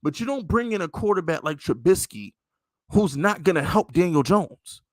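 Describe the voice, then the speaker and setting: A man hosting a casual sports talk stream, talking in loose, repetitive bursts that climb higher and louder when he gets riled. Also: moderate pace, no room sound. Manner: animated, repetitive, rising to near-shouting when riled. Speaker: sports podcast host.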